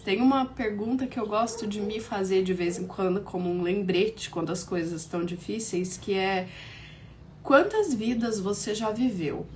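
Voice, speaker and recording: A middle-aged Brazilian woman with a hoarse, croaky voice from an inflamed throat, talking casually and reflectively as she teaches on a livestream. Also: medium pitch, slight background noise. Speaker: host of a tarot challenge.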